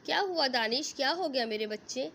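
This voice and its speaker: A woman's voice: sits high, animated, vocal fry, a bit bright, slight background noise, heavily acted. A woman voicing a protective mother who cries out and scolds. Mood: alarmed. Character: anxious, protective mother of the groom.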